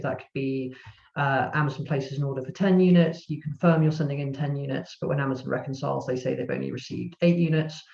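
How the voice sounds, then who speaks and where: A man explaining business topics step by step in a webinar, steady and methodical. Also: a little high, vocal fry. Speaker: webinar presenter, strategist. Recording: echoey, dull call audio.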